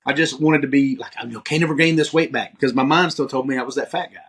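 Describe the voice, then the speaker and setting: This husky-voiced man, appearing as a podcast guest, tells stories about his life at a fast clip and in an easygoing manner. His pitch is middling, and he animates the tale by slipping into the voices of those he quotes.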